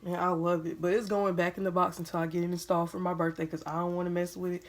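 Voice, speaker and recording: A woman's voice: lowish voice, little pitch movement, fast talker. A young woman chatting casually to her viewers while unboxing a wig at home, talking around a piece of gum. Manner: chatty, addresses viewers as "y'all", chewing gum. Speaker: beauty vlogger.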